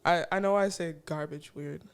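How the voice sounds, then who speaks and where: A woman's voice: deep voice, normal speed, clean tone. A teenage girl from the Chicago area, co-hosting a casual chat and acting out quotes with lots of fillers. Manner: animated, filler-heavy, acts out quotes. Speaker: co-host.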